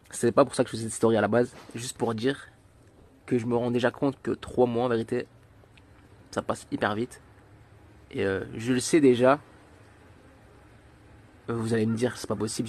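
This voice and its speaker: A man's voice: mid-range voice, a little mellow. A young man from Portugal vlogging his travels, chatting casually and jokingly to his viewers. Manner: slangy, joking, addresses viewers as "les gars". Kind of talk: casual vlog chat to camera.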